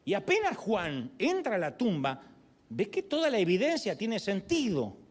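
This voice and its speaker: Lively, high-voiced man preaching. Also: moderate pace. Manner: animated storytelling, acting out quoted voices. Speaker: pastor. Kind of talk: sermon.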